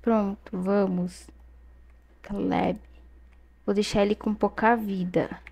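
A young Brazilian woman commenting casually on her gameplay, chatty and excitable, often exclaiming to her viewers at a desk mic. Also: mid-range voice, slow, gravelly, husky. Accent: Brazilian Portuguese. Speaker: gaming youtuber.

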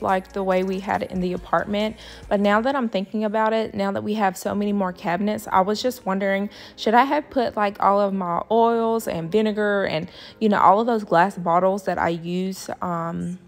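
A young woman giving a casual voice-over for her home cleaning vlog, musing aloud with plenty of filler words. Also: mid-range voice. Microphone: voice-over, not recorded in the pictured kitchen.

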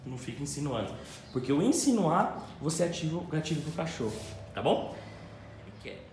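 A man's voice: a little high, big pitch swings, fairly quick, darkish tone. A man, a dog trainer demonstrating with his dog, pointing things out to viewers between commands. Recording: echoey room with background noise and a dog.

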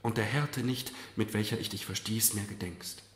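A man's voice: on the low side, normal speed, a little hiss or hum, lightly acted. Man reading as older noblewoman mother, impassioned, earnest, roomy live hall. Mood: remorseful, impassioned. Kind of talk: dramatic literary reading.

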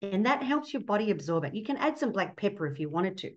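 A middle-aged Australian woman, a fertility doctor, speaks fast in a sing-song, mid-range voice during a casual video-call interview from her home office. As a guest she's warm and earnest and often laughs mid-explanation; the laptop webcam mic leaves the audio dull and lo-fi.

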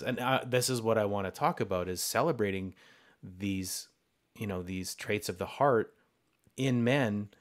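A man with a fairly low voice hosts a conversational interview. He talks in measured, deliberate phrases and offers steady affirmation to his guest. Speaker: podcast host.

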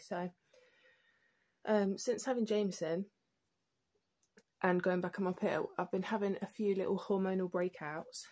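A young British woman with a fairly low voice talks through her skincare routine at home. Her nose sounds slightly blocked. She chats loosely to camera with frequent ums and self-corrections. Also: a little mellow. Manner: chatty, many ums and restarts. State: stuffy nose. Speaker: beauty vlogger. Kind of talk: casual skincare tutorial.

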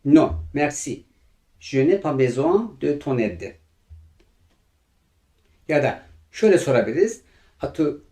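A man teaching French vocabulary in Turkish, with a Turkish accent, who repeats each example phrase slowly and carefully. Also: medium pitch, darkish tone. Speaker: language teacher.

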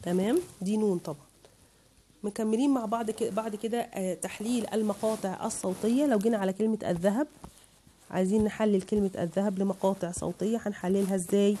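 An Egyptian woman teaches a lesson, patiently breaking words into syllables for her pupils. Her voice is mellow and warm. A faint hiss sits behind her. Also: mid-range voice, fairly even intonation, quick pace. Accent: Egyptian Arabic. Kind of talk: online lesson.

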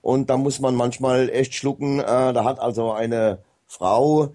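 A man's voice: medium pitch, steady tone, unhurried, dark tone. A man talking casually as a guest on a radio show, rambling with many hesitations and fillers.

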